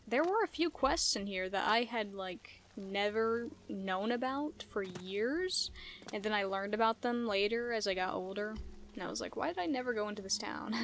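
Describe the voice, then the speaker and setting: A young woman hosts a let's play, offering casual, chatty commentary with playful, giggly asides while game music runs underneath. Her voice is mid-range and fairly bright, with a little hiss or hum.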